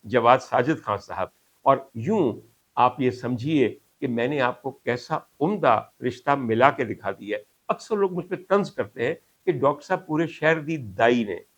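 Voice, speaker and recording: A middle-aged or older Pakistani man, a doctor who hosts a show, tells stories to viewers in a monologue. His medium-pitched voice is expressive and a little slow, and his phrasing is rhetorical, courtly and dramatic, slipping into English and Punjabi.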